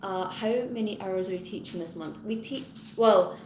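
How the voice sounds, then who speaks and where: Speaking at a normal pace in a mid-range, slightly mellow voice, a woman who teaches runs a relaxed live stream from home in Hong Kong. She rambles, starts sentences over and welcomes commenters by name. Her phone's front camera picks up an echoey room with noise behind her.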